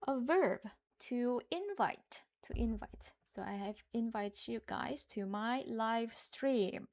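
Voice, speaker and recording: Lively Korean woman teaching words aloud. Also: fairly high pitch. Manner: switches between English and Korean, repeats words slowly for learners. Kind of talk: live-streamed language lesson.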